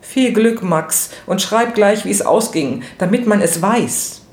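A woman's voice: lowish voice, lively intonation, moderate pace, pitched above the performer's own voice, natural voice. A reader voicing an anxious, doting wife of a showman, worried and pleading. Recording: roomy with faint noise.

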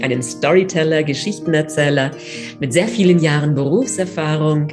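A woman hosting a podcast interview, speaking in a measured, welcoming way. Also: deep voice. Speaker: podcast host.

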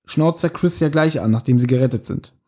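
A man's voice: mid-range voice, brisk. A man co-hosting a podcast, chatting casually and animatedly about a radio play, often laughing and acting out scenes. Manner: animated, laughing, quoting scenes in put-on voices. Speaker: podcast co-host.

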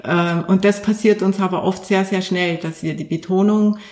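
A podcast guest who works as a coach, recorded in an echoey room. the voice is neither high nor low. the coach talks earnestly, explaining ideas step by step with examples and plenty of hesitations. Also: steady tone, moderate pace, a little mellow. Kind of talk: explanatory interview talk.

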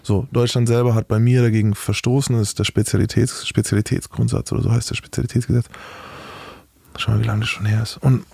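A man's voice: medium pitch, level tone, fast, creaky, dark tone, breathy edge, no room sound. A middle-aged man speaking as an interview guest, talking frankly and matter-of-factly in a casual interview.

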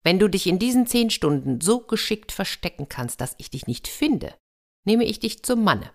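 A woman's voice: medium pitch, big pitch swings, moderate pace, pitched above the performer's own voice. A woman doing a haughty princess sorceress. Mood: stern. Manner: commanding, imperious. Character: proud stern young princess sorceress.

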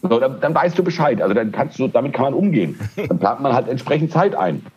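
A man's voice: medium pitch, fast, lo-fi sound, slight background noise. A man co-hosting a podcast, ranting animatedly in casual chat and often stumbling over his words. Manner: animated ranting, frequent hesitations. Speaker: podcast co-host.

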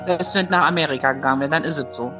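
A woman's voice: sits low, very fast, muffled recording, music in the background. A woman in her fifties calling in, telling a personal story in casual chat with many hesitations. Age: 50s. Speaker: caller.

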